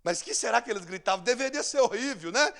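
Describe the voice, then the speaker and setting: A man with a Brazilian Portuguese accent preaching a sermon, acting out scenes, swinging between shouts and hushed asides. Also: very high-pitched, animated, fast, creaky. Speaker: pastor. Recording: long church hall reverb.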